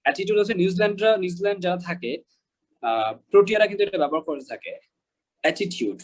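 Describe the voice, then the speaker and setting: A man's voice: high voice, lively intonation, racing, low-quality recording. A man from Bangladesh teaching English pronunciation in an online lesson, explaining patiently, repeating example words and checking that listeners follow.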